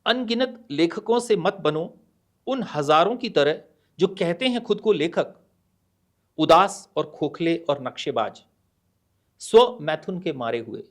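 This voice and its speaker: A middle-aged man, a guest author on a podcast, speaking in a measured, deliberate way and mixing Hindi and English, with hesitant pauses. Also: a little high, lively intonation. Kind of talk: podcast interview, reading a poem aloud.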